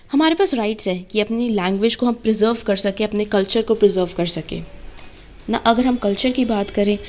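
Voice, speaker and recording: A woman's voice: mid-range voice, a little mellow, a little hiss or hum. A young woman, explaining course topics point by point. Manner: mixes Hindi and English, lists points one by one. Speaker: B.Ed. course teacher. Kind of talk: explanatory lecture. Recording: slightly dull lo-fi recording.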